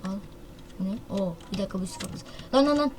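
A woman hosting a gaming channel gives excitable, slangy live commentary on a mobile shooter, full of loud outbursts and self-mocking banter. Her medium-pitched voice runs a little fast, with a little hiss or hum.

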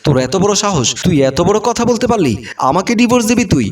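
A cold-hearted young wife who speaks bluntly and with contempt, as a male narrator plays her. The voice is high. It sounds a little distant from the mic, like a storybook drama read aloud. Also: big pitch swings, a little fast, soft background music. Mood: furious.

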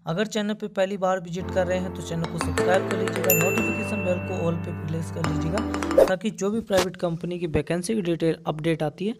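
A man's voice: high-pitched, fairly even intonation, fairly quick, over loud music. A man hosting a job-vacancy channel, giving a voice-over announcement and repeating instructions step by step. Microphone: voice-over over screen notes.

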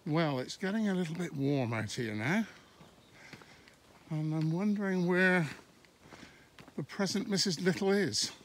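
A middle-aged Englishman, a walking vlogger, films a country walk on his handheld phone, chatting casually over lanes and fields and pausing mid-sentence. His voice sits a little high. Faint outdoor noise runs underneath.

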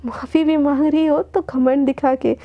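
A woman's voice: high-pitched, fairly even intonation, moderate pace. A woman voicing a defiant young woman student who talks curtly and dismissively. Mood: brusque. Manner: curt, dismissive. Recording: dull lo-fi recording.

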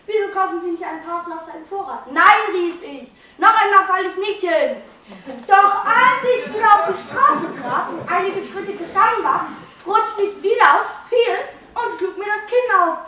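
A woman's voice: extremely high pitch, expressive, moderate pace, bright, forceful tone, exaggerated voice. A young woman on stage reciting a first-person tale of clumsy misfortune, voicing the quotes within it. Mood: exasperated. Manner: dramatic recitation with voiced quotes. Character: hapless woman telling of falling on ice again and again. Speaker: stage actor in a school theatre group. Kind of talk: theatrical first-person storytelling. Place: stage in a hall. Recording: echoey hall from far off.

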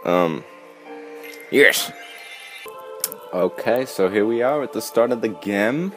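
Deep, slow-talking man gaming. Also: lively intonation, soft background music. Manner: jokey, sarcastic asides. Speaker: let's play gamer. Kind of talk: casual gameplay commentary.

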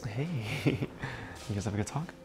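A man's voice: on the low side, a little slow, natural voice. An actor playing a young father with a casual, informal way of talking in a naturalistic drama. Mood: relaxed. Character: casual father introducing his new girlfriend to daughter. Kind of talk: naturalistic scripted drama acting. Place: indoors in an apartment. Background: background music.

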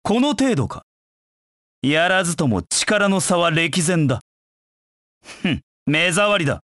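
A proud young male hedgehog warrior from a video game, cold and disdainful. He speaks slowly and curtly in battle lines, as an arrogant rival knight would. The sound is close and dry. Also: a little high, big pitch swings, a bit bright, no room sound, exaggerated voice. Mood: haughty, confident.

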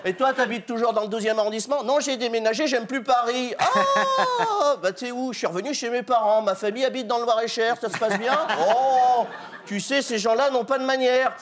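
A man's voice: very high voice, fairly even intonation, brisk, noisy background. A man performing a comic monologue on stage, telling a story and voicing the people in it. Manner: storytelling, voicing characters in dialogue. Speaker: comedian. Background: audience laughter.

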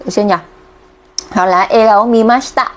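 A woman's voice: fairly high pitch, a little fast. A woman from Vietnam teaching Japanese kanji on a live stream, chatty and checking in with viewers constantly.

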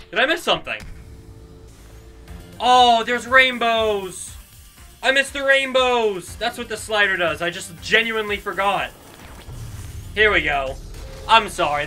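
A young adult man doing excited video game commentary as a streamer, exclamatory and jokey, talking in casual slang. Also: high-pitched.

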